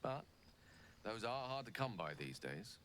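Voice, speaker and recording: An actor playing a courteous, wry wizard companion in a fantasy game, speaking in measured, formal phrases. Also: male voice, on the low side, sing-song, a bit bright, a little hiss or hum. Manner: eloquent, measured, formal wording.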